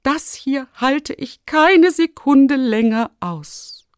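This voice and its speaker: A woman voicing a fussy, germ-obsessed male school principal in a children's storybook, strident and quick to bark orders or whimper. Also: fairly high pitch, lively intonation, a little mellow, no echo, studio quality, pitched above the performer's own voice. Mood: despairing.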